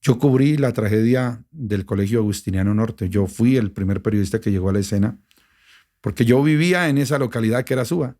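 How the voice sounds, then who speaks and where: A middle-aged man with a Bogotá Colombian accent, a radio journalist telling a personal story in an interview, emotional and animated, with many restarts. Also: mid-range voice, fairly quick. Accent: Bogotá Colombian Spanish. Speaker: radio journalist and station director.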